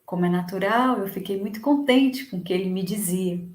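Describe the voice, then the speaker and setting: A woman giving a Spiritist lecture, slowly retelling a devotional story in the first person with emotion. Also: medium pitch, darkish tone, reverberant.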